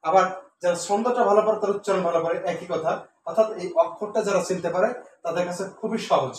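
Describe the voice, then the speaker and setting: A man giving a pronunciation lesson, explaining step by step and repeating words slowly with many fillers. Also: sits high. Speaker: Bengali teacher. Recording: echoey room, voice from a distance, faint noise.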